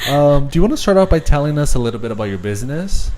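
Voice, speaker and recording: A man's voice: on the high side, very animated, very fast, darkish tone. A man from Brazil hosting a casual interview, laid-back and full of fillers. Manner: laid-back, lots of yeahs and likes. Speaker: podcast host.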